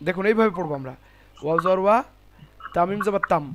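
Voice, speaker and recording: A man's voice: high voice, fast, a loud crowd. A man teaching Quran recitation in an online class, explaining the rules step by step and patiently correcting his students.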